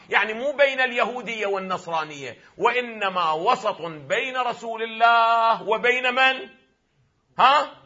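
A man lecturing as a religious scholar in an Iraqi Arabic accent, posing questions to his listeners and answering them himself, at times emphatic and loud. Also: extremely high pitch, dull audio. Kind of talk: lecture on Quranic readings.

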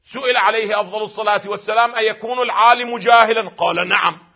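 A man with an Iraqi Arabic accent giving a classroom lecture on religious texts. He asks the class questions, answers them himself, and draws words out slowly to spell out their vowels. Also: high voice, fairly even intonation, sharp tone. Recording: slightly dull lo-fi recording.

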